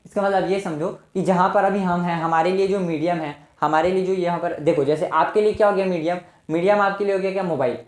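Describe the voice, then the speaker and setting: A man tutoring physics for a board exam in a relaxed, chatty way. He fires off questions to his class and answers them himself, doubling up words to drive each point home. The room rings with echo around his voice. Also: high voice. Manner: repeats words for emphasis. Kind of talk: casual board-exam lesson. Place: indoor room, teaching at a marker board. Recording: echoey room.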